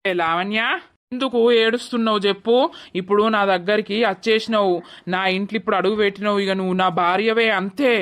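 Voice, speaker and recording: A woman voicing a devoted young husband in an animated drama, firm and comforting, with a Telangana Telugu accent. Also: medium pitch, fast, lightly acted. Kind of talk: animated village drama voice acting.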